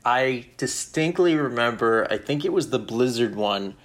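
A man's voice: mid-range voice, lively intonation, normal speed. A man in casual chat, telling a comedy story with laughs and acted-out quotes. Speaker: comedian guest.

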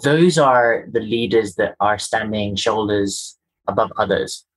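A Kenyan man with a husky voice appears as a guest in a conversational, explanatory interview; he's a culture and inclusion executive. His pitch is fairly low, his pace measured and his tone a bit bright, though the audio is poor. Earnest and emphatic, he builds his points through lists of rhetorical questions.

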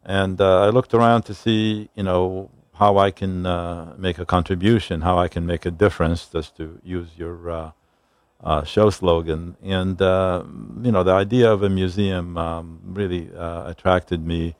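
A man's voice: low voice, level tone, dry recording. An older man from Palestine, a museum founder, speaking in a radio interview with frequent hesitant fillers. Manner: halting, many "uh" fillers.

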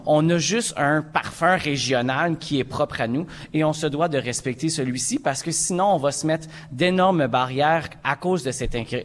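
Earnest man panelist in a reverberant hall. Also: a little high. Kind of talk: panel discussion answer.

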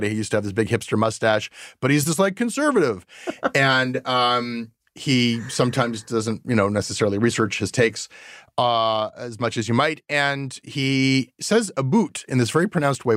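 A man's voice: mid-range voice, dry recording, clean studio sound. A man hosting a podcast, talking casually and rambling with lots of fillers. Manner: rambling, chatty, many fillers. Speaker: podcast host. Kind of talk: casual chat.

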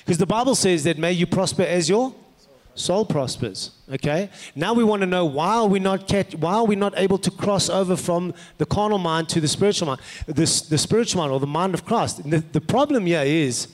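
A man's voice: sits high, fairly quick. A man with a South African accent preaching as a pastor, conversational, telling personal stories and putting rhetorical questions to his listeners. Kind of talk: sermon with personal anecdotes. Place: large indoor hall, preaching to an audience. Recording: echoey hall with long reverb.

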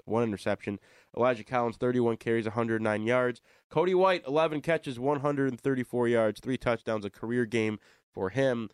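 A man's voice: medium pitch, clean tone, no echo, clean studio sound. A young American man with a stuffy, plugged-nose voice hosting a casual sports talk radio show, chatty and self-deprecating. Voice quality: congested, stuffy-nosed, sounds like plugged nose. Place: radio studio. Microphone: desk studio microphone.

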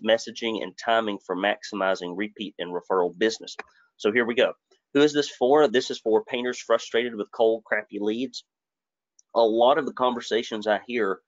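A man from Alabama, US, presents a live webinar in a folksy, joking, conversational manner with a lowish voice and no echo. The audio is dry, dull, and lo-fi.

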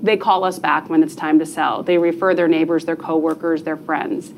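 This is a woman from New Jersey speaking as a guest on a podcast. Her voice sits fairly low, and she talks in an earnest, conversational way. A faint room ambience runs underneath. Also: flat delivery, normal speed, a little hiss or hum. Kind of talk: podcast interview.

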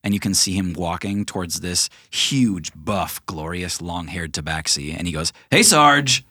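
Deep-voiced male game master. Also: normal speed, breathy edge, no room sound, clean studio sound. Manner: relaxed, chatty narration with fillers. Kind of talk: narrating a tabletop game.

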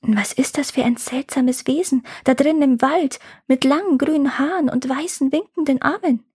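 A woman's voice: sits high, normal speed, a little mellow, no room sound, studio quality, voice pushed up, lightly acted. Woman doing a little curious princess. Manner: eager questioning, sobbing when scared. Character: small curious princess girl, fearful then bold.

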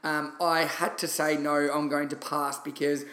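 An Australian man talks casually as a solo podcast host, chatty and enthusiastic. His voice is slightly high, and the recording has a clear roomy echo. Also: little pitch movement, unhurried, pushed and bright. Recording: roomy, echoey sound.

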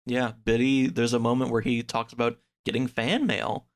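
A podcast guest with a medium-pitched voice retells a story in a casual chat, speaking at normal speed in a level tone. He rambles, drops "like" throughout, and acts out the characters' lines in quotes.

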